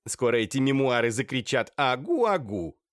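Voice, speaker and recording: A man voicing a shrill, hysterical middle-aged woman who hurls venomous insults. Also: sing-song, normal speed, dry recording, clean studio sound, natural voice. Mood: furious, spiteful. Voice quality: shrill, screeching. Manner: venomous insults, theatrical outbursts.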